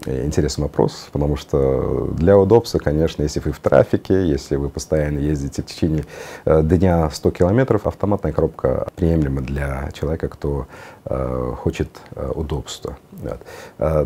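A man's voice: rumbling low, creaky, warm tone, husky. A middle-aged man, giving a conversational studio interview in hesitant phrases with some English words slipped in. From Uzbekistan. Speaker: interview guest, car designer. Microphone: lapel.

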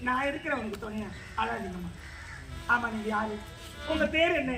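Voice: mid-range voice, expressive, normal speed, natural voice. A performer in a stage drama playing a remorseful woman who comforts and confesses in declamatory lines. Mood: consoling. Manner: consoling, then guilt-ridden and declamatory. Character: remorseful woman who took another's baby. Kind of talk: Tamil stage drama acting. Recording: echoey distant stage recording with music.

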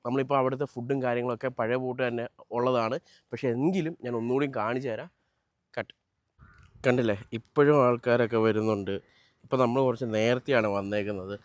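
A man, hosting a casual food vlog from a small roadside eatery, chatting lively to his viewers. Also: medium pitch, no echo. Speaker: food vlogger.

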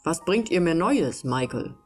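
A woman's voice: lowish voice, sing-song, a little slow, husky, faint music behind, exaggerated voice. A woman voicing a haughty, greedy landlord man in a storybook reading, talking down in a lordly way.

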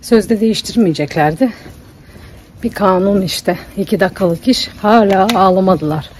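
A woman's voice: medium pitch, moderate pace, a little mellow, slight background noise. Chatty woman vlogging her day. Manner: chatty, talks to her dog in a cooing voice. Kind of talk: casual vlog chat. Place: home kitchen and outdoors.

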